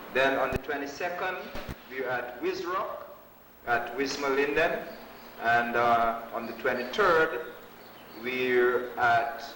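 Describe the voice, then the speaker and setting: A man making a public announcement at a gathering in Rastafari speech, speaking in a halting, deliberate way with long pauses. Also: medium pitch, bright, forceful tone. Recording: echoey, distant microphone with background noise.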